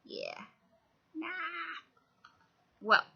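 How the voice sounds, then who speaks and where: A young woman vlogs from home, speaking very slowly in a bright, forceful tone as she rambles through a casual update to camera. She sniffles from a cold and fills her talk with asides and fillers, all captured in dull, lo-fi audio.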